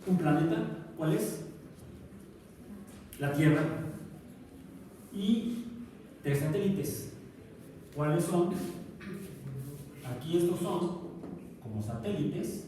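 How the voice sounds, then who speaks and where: A male science professor lectures a class, his slightly high voice caught from far off by a room mic. Long echoes ring through the classroom, and a steady noise sits under his words. He keeps turning to the students with questions as he explains. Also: extremely slow, pauses often.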